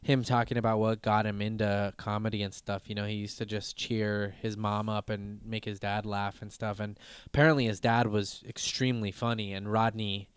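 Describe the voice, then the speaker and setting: A man in his thirties rambles loosely through a podcast chat, full of fillers, restarts and casual swearing. His voice is smooth and clear, at an everyday pitch, and it sounds dry and close on the mic. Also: little pitch movement, moderate pace, dry recording. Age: 30s. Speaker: podcast host.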